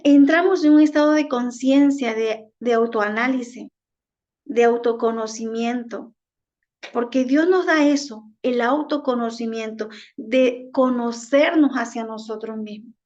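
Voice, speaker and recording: An Ecuadorian woman minister preaches in a high voice at an unhurried pace. She works through rhetorical questions. The recording is dull and lo-fi. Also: darkish tone. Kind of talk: sermon.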